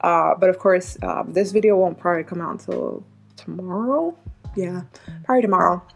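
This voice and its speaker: A woman giving an excited reaction vlog, gushing and chatty, full of "like" and laughs, swearing freely. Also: on the low side, normal speed, gravelly, soft background music. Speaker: reaction vlogger. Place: home room.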